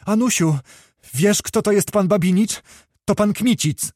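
A man doing an excited young noblewoman. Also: high-pitched, measured pace, no echo, clean studio sound, voice pushed up. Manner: excited, breathless exclamations. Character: agitated young noblewoman, breathless with emotion. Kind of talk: scripted narration of a classic novel.

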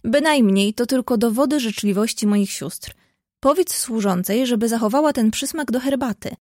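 A bold, lively teenage girl, read by a woman in a storybook, frank, brisk and cheerful. The voice is fairly high and recorded close and dry. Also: no room sound, lightly acted.

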